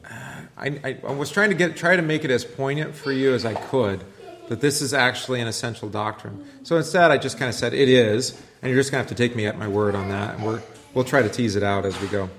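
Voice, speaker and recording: A man leading an informal church class, talking conversationally and putting questions to the group. His voice sits at an ordinary middle pitch for a man. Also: quick pace, fairly bright tone, slight background noise. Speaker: pastor teaching a class.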